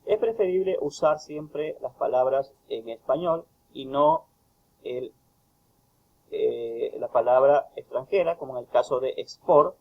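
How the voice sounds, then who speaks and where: Male tutor, gravelly husky voice, emphatic lecture delivery, dull lo-fi recording. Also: mid-range voice, animated. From Ecuador. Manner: slow, emphatic reading of example phrases. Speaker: university tutor. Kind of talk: recorded lecture explaining grammar.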